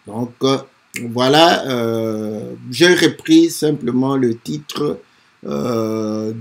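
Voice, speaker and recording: A man commenting on a hymn in a hesitant sermon style, filling pauses with frequent fillers. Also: mid-range voice, a little mellow. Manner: hesitant, many "euh" fillers and "n'est-ce pas".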